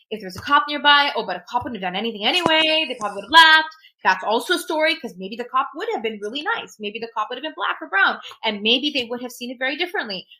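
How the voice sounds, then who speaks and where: This podcast guest, a technologist whose first language is Urdu, has a high voice that sounds pushed and bright. She reflects emphatically on her own experiences and offers advice, frequently asking "right?".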